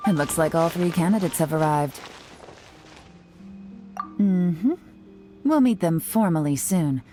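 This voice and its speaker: A woman voicing a confident female covert agent who talks in a cool, brisk and wry way. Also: fairly low pitch, lively intonation, dark tone, faint music behind.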